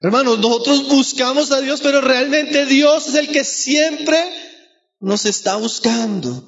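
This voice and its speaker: A man's voice: very high-pitched, measured pace, a bit bright, dull audio. A man preaching a sermon, earnestly calling his listeners brothers. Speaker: pastor.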